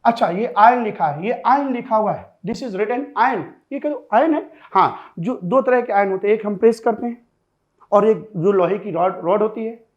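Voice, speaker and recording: A man teaching pronunciation in a classroom-style lesson, lively and joking, talking straight to his students. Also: sits high, normal speed, dull audio.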